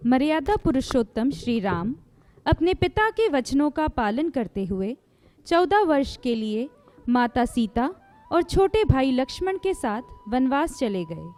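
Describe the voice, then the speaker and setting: A woman narrating a school stage play in a calm, explanatory manner. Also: high-pitched, measured pace, soft background music.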